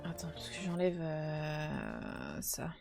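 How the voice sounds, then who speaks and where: A woman's voice: low voice, huge pitch swings, slow, creaky, over music. A young woman streaming from home, chatting casually in slangy banter and reading her chat aloud.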